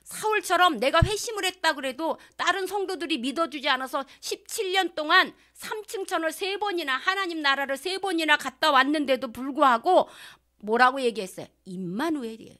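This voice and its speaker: Woman pastor, sermon delivery; high, sharp tone, acts out prayers, drops into whispers. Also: expressive, brisk, few pauses. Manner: rhetorical questions to the congregation, swinging from loud to hushed whispers; acts out prayers and quotes in changed voices.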